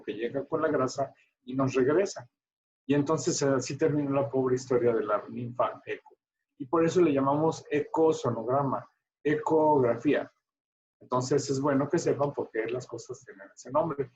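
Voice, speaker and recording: A man teaching a medical class, chatty and animated as he tells a story and quizzes students. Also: medium pitch, muffled recording.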